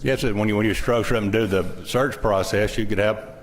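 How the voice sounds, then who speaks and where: A man with a Southern US accent questioning a bill as a state senator, in halting, folksy phrases. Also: fairly low pitch, steady tone. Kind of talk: informal legislative debate. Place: large legislative chamber. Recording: long echoing hall reverb.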